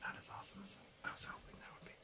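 A man's voice: very fast, over loud music. A man whispering an ASMR video, playful and chatty with the viewer as he taps on objects. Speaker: ASMR creator.

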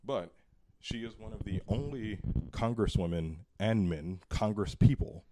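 A man's voice: lowish voice, measured pace, background noise. A man ranting heatedly about politics in casual chat, swearing often.

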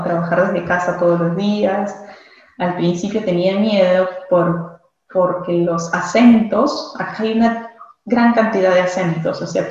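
A woman's voice: fairly low pitch, a little mellow. Woman on an echoey lo-fi line. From Peru. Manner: thoughtful, with frequent restarts and tag questions. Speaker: guest. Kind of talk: casual conversational interview. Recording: very echoey, dull lo-fi sound.

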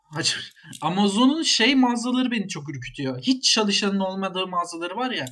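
High-voiced young man reading questions aloud. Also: animated, a little fast, a bit bright. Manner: self-mocking, stumbles over words when reading. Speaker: podcast co-host reading listener questions. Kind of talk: casual podcast chat.

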